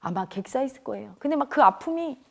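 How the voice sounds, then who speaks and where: A woman's voice: sits high, expressive, fast talker, gravelly, darkish tone. A middle-aged woman earnestly telling a painful childhood memory to an audience, her voice turning tearful at times. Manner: tearful and earnest, rising to cries when reliving events. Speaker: speaker at a spiritual community talk. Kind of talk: emotional personal storytelling.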